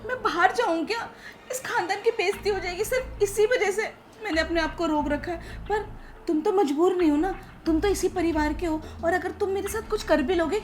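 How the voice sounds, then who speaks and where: An actress playing a lonely, manipulative young sister-in-law in a short film drama, coaxing and pleading. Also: female voice, very high-pitched. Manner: coaxing, pleading, then bitterly scheming.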